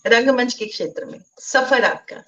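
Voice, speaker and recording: A woman's voice: on the high side, expressive, moderate pace. A woman hosting a live online interview, her voice coming through a choppy, breaking call connection as she politely repeats herself to be heard. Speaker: host. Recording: distant, dull online call audio.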